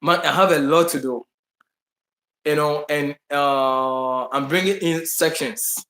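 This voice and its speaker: In a reverberant indoor space in Brazil, a man with a Ghanaian accent, originally from the Bahamas and raised partly in Ghana, holds a casual live chat with viewers. His voice is a little high, bright and forceful, and he takes his time. His answers ramble, with plenty of restarts, fillers and emphatic repetition.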